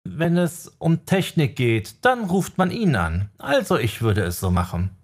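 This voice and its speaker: A man's voice: medium pitch, wildly swooping pitch, measured pace, breathy edge, voice pushed up, exaggerated voice. A man doing a wry, joking young mage. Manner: joking and explanatory. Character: wry young male elementalist mage and writer. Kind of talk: audiobook character voice.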